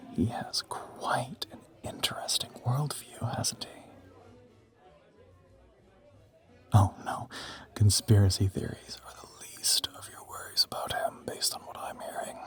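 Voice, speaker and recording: In an intimate audio roleplay, a man plays a suave, ancient male vampire, teasing and smug, using formal, theatrical phrasing. He sounds amused and conspiratorial, speaking in a low, breathy half-whisper.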